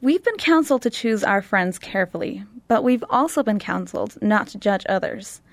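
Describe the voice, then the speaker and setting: An eighteen-year-old woman from Chile hosting a youth panel discussion in a studio, talking things through in a reflective, unhurried way. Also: medium pitch, lively intonation, vocal fry, dry recording.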